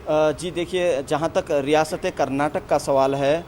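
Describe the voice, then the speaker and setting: A man's voice: a little high, fairly even intonation, darkish tone, a little hiss or hum. A man, a news field reporter, speaking formally with some hesitation fillers, outdoors by a street.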